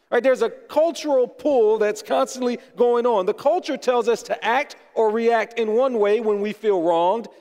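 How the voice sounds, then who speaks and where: A high-voiced man preaches in a casual, conversational way, teasing his congregation now and then. His voice rings out with a long reverb from the church hall. He sounds like a pastor at ease at the pulpit. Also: darkish tone. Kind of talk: sermon. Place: church sanctuary.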